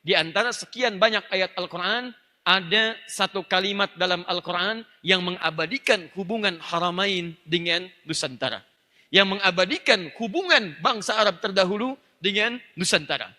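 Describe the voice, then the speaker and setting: A man preaching a religious lecture in a high, very bright voice. He teaches emphatically, speaks straight to his listeners and breaks into fluent Arabic recitation. A long hall reverb trails behind each phrase. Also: normal speed. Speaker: Islamic preacher.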